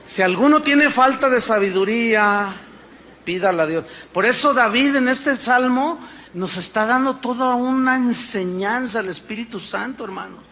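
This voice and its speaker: Pastor, 50s, man, high bright voice, animated sermon delivery, faint background noise. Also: normal speed. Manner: animated preaching with acted-out dialogues and rhetorical questions.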